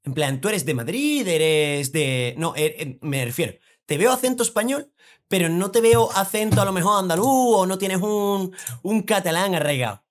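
A man hosts a relaxed chat. He asks his questions haltingly, restarting phrases and chuckling along the way. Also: sits high. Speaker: host. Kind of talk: casual interview chat.

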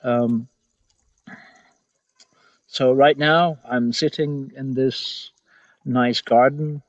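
Halting Swedish-accented man, slow and dull-sounding. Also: mid-range voice, steady tone, no room sound. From Sweden. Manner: halting, searching for words in a second language. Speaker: representative of a heathen organization. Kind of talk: informal speech on a video call. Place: garden, outdoors. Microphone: video call, close webcam. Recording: dull video-call audio.

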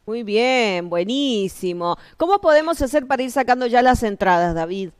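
A woman's voice: on the high side, expressive, moderate pace, clear, resonant tone. A TV host, a woman, asking her guest encouraging questions.

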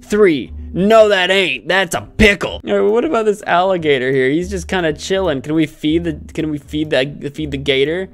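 Animated, goofy male game streamer. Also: a little high. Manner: goofy, musing aloud. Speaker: host, gaming streamer. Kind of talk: playful let's play commentary. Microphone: close desk microphone on webcam stream. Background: faint game music.

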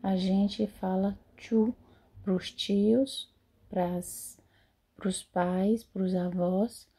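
A woman teaching French in a slow lesson, repeating model sentences carefully. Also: medium pitch, fairly even intonation, warm tone, slightly rough. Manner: repeats phrases slowly and carefully. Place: lives in Europe.

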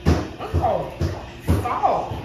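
A woman in her thirties chatting playfully and expressively in a casual travel vlog, filmed on a handheld phone. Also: drawn-out words. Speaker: vlogger. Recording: echoey spot with loud music.

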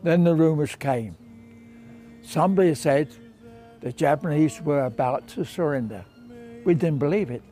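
In this interview, a man in his nineties, a former prisoner of war and veteran, recalls his past from a bench beside a car park, using brief phrases and frequent repetition. His dark-toned voice runs fairly high, with a moderate pace, frequent pauses, and faint music behind it.

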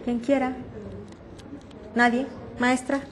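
A woman's voice: high voice, flat delivery, slow, background noise. A woman teaching a reading-aloud workshop with a Mexican Spanish accent, explaining breathing and projection patiently and often checking that her class understood. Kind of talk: voice projection lesson.

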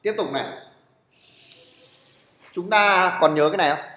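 A man with a fairly high, creaky, somewhat bright voice teaches a programming class in a bluntly teasing way. He keeps checking in with his students and calls on them for answers. The lecture is recorded in an echoey room with long reverb.

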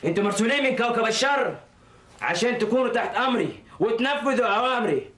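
A shrill, bossy cartoon villain. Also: male voice, expressive, quick pace, a bit bright, echoey room. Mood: commanding. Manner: commanding and scornful. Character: bossy male villain leader from an evil planet.

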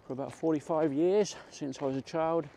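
A man's voice: fairly high pitch, fairly even intonation, fairly quick, vocal fry, dark tone. A middle-aged man, chatting casually as a vlogger while walking outdoors. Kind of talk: casual walk-and-talk chat. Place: outdoors in a country park. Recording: faint outdoor ambient noise.

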